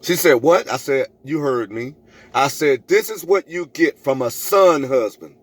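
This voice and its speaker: Unhurried, with a fairly high pitch and lively intonation, a middle-aged man vlogs a personal story. He delivers it emphatically and preachily, repeating phrases for effect and acting out both sides of conversations in animated storytelling.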